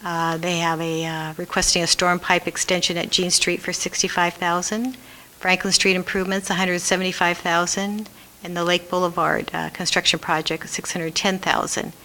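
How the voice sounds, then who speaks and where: Bright, lowish-voiced woman reading a formal report. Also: level tone, normal speed. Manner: reading out items and figures. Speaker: staff budget presenter. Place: public meeting room. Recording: faintly noisy meeting room recording.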